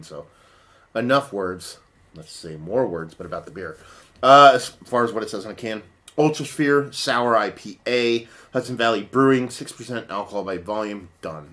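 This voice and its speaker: A man rambles through a casual, profane beer review, his voice partly lost and sitting lower than usual, though its tone is fairly bright.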